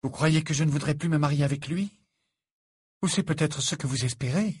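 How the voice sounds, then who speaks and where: A man voicing a proud, fierce young woman who speaks in a sharp, imperious way. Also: on the low side, a little fast, breathy edge, dry recording, clean studio sound.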